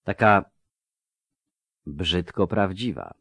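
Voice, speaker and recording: A man voices a stubborn young apprentice who murmurs and argues back pertly. His deep voice moves with lively pitch. It is recorded dry and close for a fantasy audiobook. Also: very slow, gravelly, no room sound, full character voice. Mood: pert musing. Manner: pert, murmuring.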